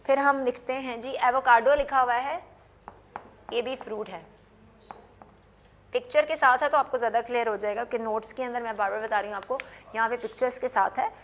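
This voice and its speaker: Woman teaching, slow drilled words. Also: fairly high pitch, fairly even intonation, a little hiss or hum. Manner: patient, repeats words slowly and spells them out. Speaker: English teacher on a TV show. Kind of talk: classroom lesson with repetition drills.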